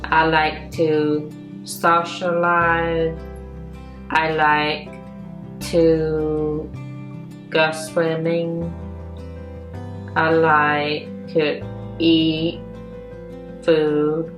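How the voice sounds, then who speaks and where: Young woman in her twenties, halting, flat and low, distant mic in a roomy space with soft guitar behind. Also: lo-fi sound. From North Carolina, US. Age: 20s. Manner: halting, words spaced out with pauses. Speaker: interviewee. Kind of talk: personal interview.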